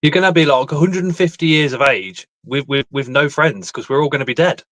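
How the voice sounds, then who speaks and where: A man's voice: on the high side, a little fast, a bit bright, no echo. A man hosting a live stream, chatting casually, telling stories and swearing freely. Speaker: stream host.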